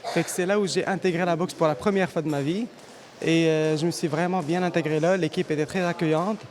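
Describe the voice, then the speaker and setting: A man's voice: a little high, steady tone, a little fast, noisy background. A man from Morocco, an amateur boxer speaking earnestly with some hesitation.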